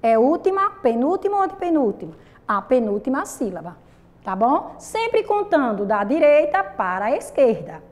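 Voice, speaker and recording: A woman's voice: sits high, sing-song, darkish tone. A woman teaching a primary school lesson to children with a Brazilian Portuguese accent, patient and repetitive, asking the class questions and drawing out syllables. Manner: patient, repeats and asks the class questions, drawn-out sung syllables.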